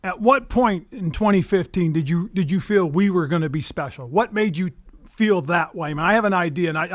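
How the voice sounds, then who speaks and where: Older male coach host, high voice, dry close sound, earnest storyteller. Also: no room sound. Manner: earnest storytelling with frequent restarts. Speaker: host, former head coach. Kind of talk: reminiscing conversation.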